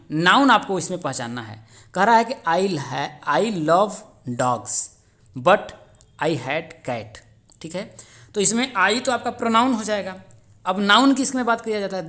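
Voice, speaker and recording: A man's voice: sits high, sharp tone. A friendly male tutor talks his viewers through a test paper one question at a time. He answers each question and then asks it again, rhetorically, before he confirms the answer. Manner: keeps asking the answer back as a rhetorical question. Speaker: exam-prep teacher on a video channel. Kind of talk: explaining exam answers step by step.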